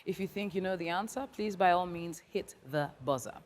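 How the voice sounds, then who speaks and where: A woman's voice: on the low side, fairly quick. A woman with a Nigerian accent presenting a game show to a studio audience, projecting with an exuberant, teasing manner. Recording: reverberant studio hall, crowd noise. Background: studio audience and noise.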